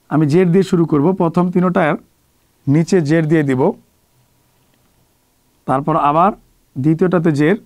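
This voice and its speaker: A man's voice: a little high, vocal fry, a little mellow. A man from Bangladesh with a Bangladeshi Bengali accent teaches Quran pronunciation step by step, repeating each sound many times as a drill. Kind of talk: slow step-by-step pronunciation lesson.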